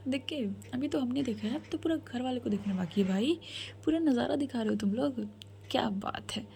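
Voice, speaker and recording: A woman's voice: fairly high pitch, animated, brisk, creaky, warm tone, a little hiss or hum, pitched above the performer's own voice. A woman whispering the lines of a mischievous young woman who teases her friends, in a whispered role-play. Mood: teasing. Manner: teasing, cheeky.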